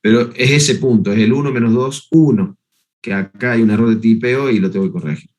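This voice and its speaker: A man's voice: on the low side, fairly quick, darkish tone, lo-fi sound. A man giving a university math lecture, working step by step through the notes and checking that students follow. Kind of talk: university lecture on analytic geometry.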